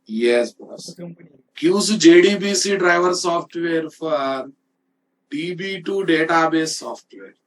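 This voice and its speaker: A man with an Indian accent, his voice fairly high and his pace slow, instructs students in programming during a relaxed screen-shared lecture. He is emphatic, repeats himself, and checks in with the class often. Captured on a distant-sounding mic, with slight background noise.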